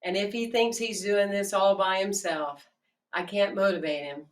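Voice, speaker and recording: A woman voicing a friendly male country farmer who calls out loudly and high to his horses, in a sermon story. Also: fairly even intonation, moderate pace, lightly acted. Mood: explaining. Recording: faint music, distant mic.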